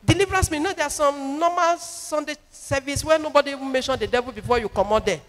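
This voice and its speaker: A woman's voice: high-pitched, fast talker. A woman with a Nigerian English accent preaching a sermon as a prophetess, emphatic and repetitive with sing-song rises. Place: church. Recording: long reverb in a church hall with music.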